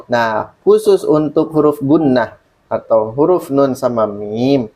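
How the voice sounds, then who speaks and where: In an online lesson, a man teaches Quran recitation, patiently explaining the rules, reciting examples and frequently checking that his student understands. His mid-range voice is mellow and expressive, and he takes his time.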